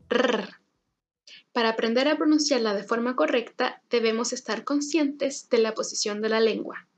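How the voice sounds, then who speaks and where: Chilean woman teacher, young, slightly high voice, slow and deliberate, carefully sounds out each word. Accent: Chilean Spanish. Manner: slow, carefully articulated repetition of words. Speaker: Spanish teacher. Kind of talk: pronunciation lesson.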